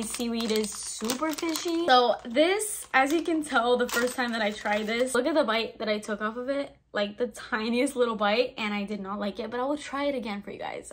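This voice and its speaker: Young woman vlogger, slightly high voice, bubbly and chatty, filler-heavy casual talk. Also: slight background noise. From Albanian heritage. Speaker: vlogger reviewing snacks. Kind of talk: casual chat.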